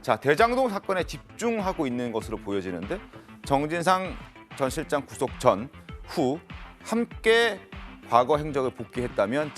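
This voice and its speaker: Guy hosting a panel show, pitch really moves around, bit of music under him. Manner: summarizes then hands the floor to panelists. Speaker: host. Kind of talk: panel talk show moderation.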